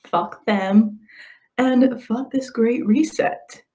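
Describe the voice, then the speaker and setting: A woman's voice: on the high side, very slow, mellow. A woman co-hosting a casual live stream, swearing freely, saying y'all and laughing often. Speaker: podcast co-host.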